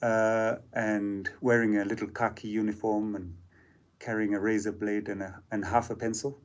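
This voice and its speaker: Lowish guy musician chatting in an interview, lots of ums, slow and thoughtful. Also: little pitch movement. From Zambia. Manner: reflective, hesitant with many fillers. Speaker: musician guest. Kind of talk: casual interview storytelling.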